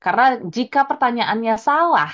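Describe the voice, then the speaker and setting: A woman's voice: fairly high pitch, lively intonation, moderate pace, fairly bright tone. Upbeat woman hosting a radio show. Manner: upbeat, mixes English phrases, frequent "gitu ya". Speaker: radio host. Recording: dull lo-fi radio broadcast.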